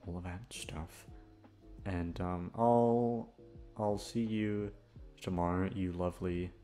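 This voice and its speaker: An audio roleplay creator speaks slowly in a voice that sits low, with fairly even intonation and a dark tone. In this casual outro he rambles to listeners in a scattered, self-deprecating way, swearing freely over background music.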